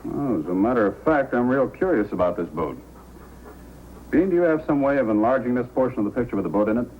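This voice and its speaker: An actor playing a steady, inquisitive Mountie sergeant with measured authority in an old-time radio drama. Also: male voice, medium pitch, phone-quality sound, lightly acted. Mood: curious, confident. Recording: old radio recording, faint noise.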